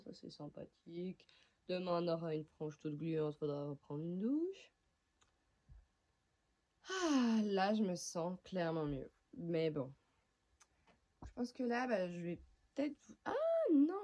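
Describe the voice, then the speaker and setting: Husky young woman chatting to camera. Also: medium pitch, mellow. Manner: chatty, frank, self-mocking, drops into whispers. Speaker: beauty vlogger. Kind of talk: casual vlog chat to camera. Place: bedroom at night. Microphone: handheld phone camera without tripod.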